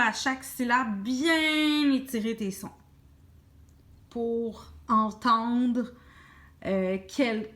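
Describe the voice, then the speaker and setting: A woman teacher with a Québécois French accent, slowly talking children through a writing lesson and stretching out each syllable. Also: on the high side, fairly bright tone. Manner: slow, stretched-out sounding of syllables.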